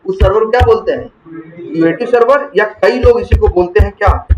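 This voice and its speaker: A man teaching software testing in to a class, asking questions and answering them himself. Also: high voice, a little fast, over music. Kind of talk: classroom lecture. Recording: roomy, distant, muffled classroom recording.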